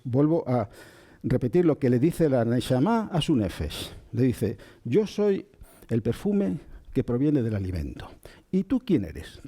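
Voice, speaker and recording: A man teaches in a calm, unhurried voice that is dark and mellow. His pitch rises and falls a lot as he explains and asks his listeners questions. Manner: slow and gentle, checks in with listeners. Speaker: spiritual teacher. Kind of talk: calm spoken lecture on Kabbalah.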